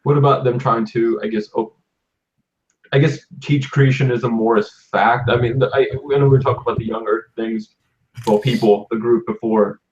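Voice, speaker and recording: A man's voice: medium pitch, steady tone, moderate pace, far from the mic, lo-fi sound. A man interviewing a guest, asking rambling, hedging questions.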